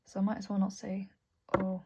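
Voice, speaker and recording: A young woman talking candidly to camera at her desk, soft and halting, often dropping to a whisper. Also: mid-range voice, completely flat delivery, highs cut off, heavy background noise. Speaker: vlogger. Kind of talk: candid personal talk to camera. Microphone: earbud mic.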